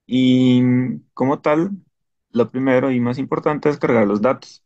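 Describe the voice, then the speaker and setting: A man from Costa Rica presenting data analysis in a brisk, matter-of-fact way. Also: mid-range voice, a little mellow, dry recording. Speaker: student presenter. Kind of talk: academic presentation. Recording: dry, dull lo-fi audio.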